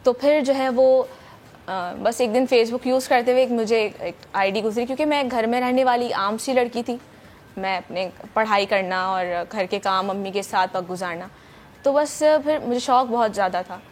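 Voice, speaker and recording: A young Pakistani woman who works as a voice-over artist chats eagerly in a morning show interview at a TV studio, using lots of fillers. Her voice is fairly high, with slight hiss or hum in the recording.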